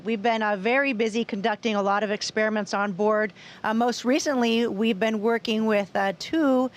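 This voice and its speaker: A woman speaking as an astronaut, giving explanatory interview answers. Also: medium pitch. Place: inside a space station.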